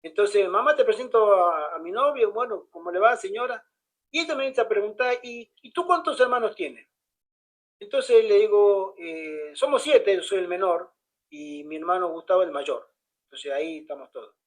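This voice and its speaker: A man tells a story in an easy, conversational way. He jumps into the voices of the people in it as he goes and keeps the telling lively. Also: sits high, normal speed, poor audio. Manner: animated, acts out the dialogue of others. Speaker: pastor.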